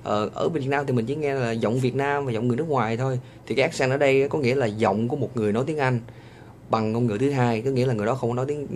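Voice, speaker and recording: A man from Vietnam with a Southern Vietnamese accent, giving casual advice in a chatty monologue full of drawn-out hesitations. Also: medium pitch, a little mellow, slight background noise.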